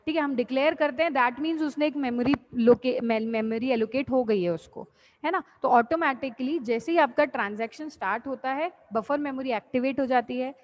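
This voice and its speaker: A woman's voice: sits high, normal speed, a little hiss or hum. A woman lecturer teaching an online class, patiently repeating each point in simple terms and addressing students fondly. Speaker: college lecturer. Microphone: computer mic on video call. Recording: dull lo-fi online call audio.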